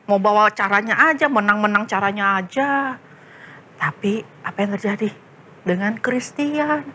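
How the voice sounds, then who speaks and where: A woman teaching Sunday school, telling a story to the children in an animated way and speaking to them directly. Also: mid-range voice, a little hiss or hum.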